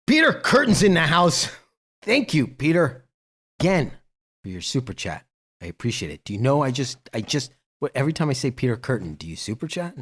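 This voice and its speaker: A man hosting a casual livestream, reading out viewers' names and thanking them, rambling and laughing as he goes and swearing casually. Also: medium pitch. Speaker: livestream host.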